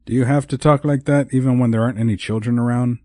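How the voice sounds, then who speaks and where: A man's voice: mid-range voice, fairly even intonation, quick pace, darkish tone, no room sound, studio quality, voice pushed up, lightly acted. A man playing a skeptical young man. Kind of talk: audiobook character voice.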